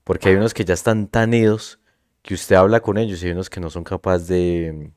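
A man with a fairly low voice talks plainly and earnestly among friends. The sound is dry, with no room echo. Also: little pitch movement, a little fast, a little mellow. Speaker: podcast co-host. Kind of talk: casual chat.

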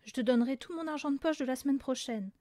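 Brief: clever little girl, woman reader, high, eager and playful. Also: fast talker, warm tone, dry recording, lightly acted.

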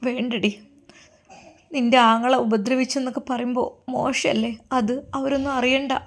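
A woman voicing a grieving elderly mother who speaks softly and tearfully, with a Malabar Malayalam accent. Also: high-pitched, fairly even intonation, moderate pace. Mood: sorrowful. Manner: soft, tearful and pleading.

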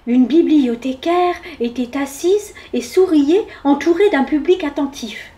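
A woman from France reads a children's picture book aloud for a library audience. Her voice is high and clear, and she narrates gently and expressively. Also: measured pace. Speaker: children's story reader at a library. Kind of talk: storybook read-aloud for children.

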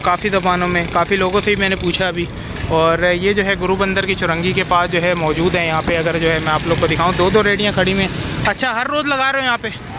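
A man's voice: high voice, steady tone, fast. A man vlogging from an outdoor market, chatty and filling every sentence with the same stock phrases. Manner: chatty, repeats "jo hai" and "dosto" constantly. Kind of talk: casual street vlog narration. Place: busy street market outdoors. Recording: loud street traffic noise. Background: loud traffic, cars and motorbikes.

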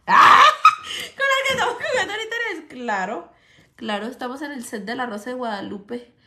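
A young Mexican woman vlogging to the camera in a crude, slangy, swearing chat, calling her viewers sisters. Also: on the high side. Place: indoor set.

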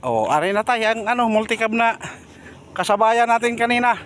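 High-voiced man vlogging outdoors. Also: fairly quick, a bit bright, a little hiss or hum. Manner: chatty, directs people for photos. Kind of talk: casual travel vlog.

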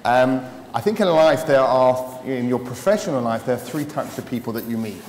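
A man introducing the next speaker at a conference in a friendly, halting way. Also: mid-range voice, expressive, a little mellow. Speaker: session introducer. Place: conference hall stage. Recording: echoey hall, faint noise.

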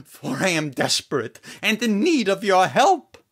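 Hapless, animated, whining monk played by a man. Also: sits high, measured pace, breathy edge, heavily acted. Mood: desperate, frustrated. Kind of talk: comic audio drama acting.

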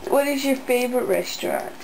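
A woman off camera asking brisk interview questions and calling for retakes. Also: high voice, expressive, creaky, background noise.

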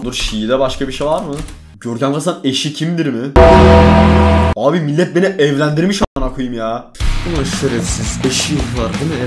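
A young man from Turkey reacting to searches about himself in a casual vlog, joking and swearing freely. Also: medium pitch. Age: young adult. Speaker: YouTuber.

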